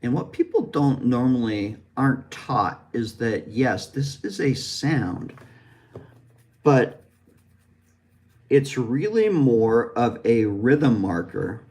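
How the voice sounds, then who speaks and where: A man's voice: mid-range voice, lively intonation, takes it slowly, a little mellow. An American man from the West Coast teaching English vowel sounds, explaining patiently and modeling each sound. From West Coast of the United States. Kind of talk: explanatory lesson with demonstrations.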